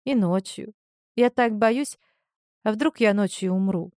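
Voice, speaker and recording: A woman's voice: medium pitch, unhurried, darkish tone, dry recording, clean studio sound, close to an everyday voice. A woman voicing a manipulative young woman who pretends to be helpless, speaking in a plaintive, pleading way. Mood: tearful pleading.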